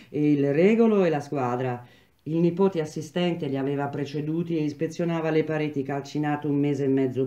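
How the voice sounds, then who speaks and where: A woman reading a novel aloud in a measured, even storytelling manner. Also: low voice, muffled recording. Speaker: reader of a novel.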